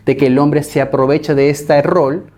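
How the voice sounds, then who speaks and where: A man's voice: fairly high pitch, fairly even intonation, normal speed, darkish tone. A male pastor, preaching a sermon and keeping his listeners with him through rhetorical questions and repeated tags. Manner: keeps asking rhetorical questions and adding a tag "¿no?".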